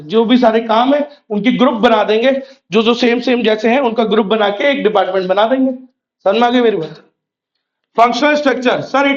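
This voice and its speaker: High-voiced male tutor in an echoey room. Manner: asks the class questions and answers them himself; conversational teacher, mixing in memorisation drills. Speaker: commerce exam tutor. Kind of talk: recorded revision lecture. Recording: roomy, slightly dull lecture recording.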